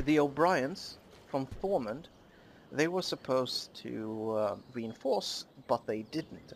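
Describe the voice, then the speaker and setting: A man hosting a let's play, giving casual, halting commentary on a strategy game with many pauses. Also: medium pitch, slight background noise. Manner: halting, many ums and uhs.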